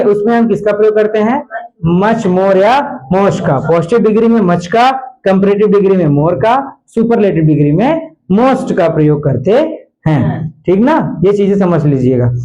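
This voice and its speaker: A man's voice: high-pitched, a little mellow. A male teacher giving a classroom grammar lesson, quizzing his students with repeated questions. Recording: dull lo-fi classroom recording.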